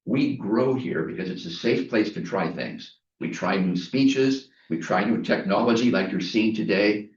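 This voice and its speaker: Lively man giving an echoey speech. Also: lowish voice, unhurried, hardly any pauses, far from the mic. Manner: animated storytelling with emphatic repetition. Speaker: Toastmasters speaker. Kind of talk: prepared inspirational speech. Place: meeting room. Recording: echoey room, mic from afar, dull.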